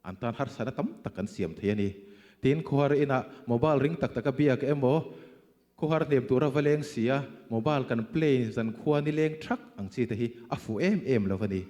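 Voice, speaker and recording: A man delivering a sermon in a mellow, dark voice. He is emphatic, pushing out loud bursts and then dropping to quieter asides. A long church-hall reverb trails after every phrase. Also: mid-range voice, lively intonation, fast. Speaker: preacher.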